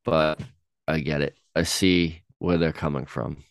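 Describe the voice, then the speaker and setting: Young male co-host, deep and resonant, halting and laid-back delivery. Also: steady tone, no room sound. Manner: hesitant, halting, many ums and restarts. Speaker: podcast co-host. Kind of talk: casual chat reacting to songs.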